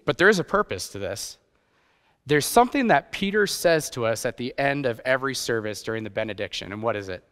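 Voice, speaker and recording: Speaking from an indoor church stage, this middle-aged man is a guest preacher and youth pastor who partly grew up in Japan. His medium-pitched voice is animated and fairly bright, moving a little fast through an informal, self-deprecating sermon full of rhetorical questions. Hall reverb colors the audio.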